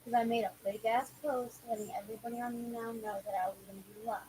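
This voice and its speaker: A woman with a fairly high but soft-edged, mellow voice chats casually on an amateur livestream. She is blunt and irritated, with loose, sweary talk. There is some noise behind her. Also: fairly even intonation, fast. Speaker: livestream host. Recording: noisy amateur livestream recording.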